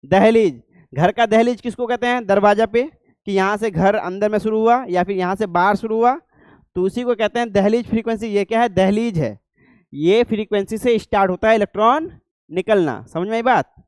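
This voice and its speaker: A man's voice: high voice, a little fast, smooth, no echo, studio quality. A middle-aged male teacher giving a classroom lecture, often stopping to ask the class whether they follow. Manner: keeps asking the class checking questions.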